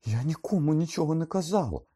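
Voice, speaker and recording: A man's voice: animated, brisk, mellow, husky. A man voicing a clever teenage schoolgirl who shrieks in outrage, in an audiobook reading. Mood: shrieking. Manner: shrill shrieking outbursts. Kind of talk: audiobook character voice.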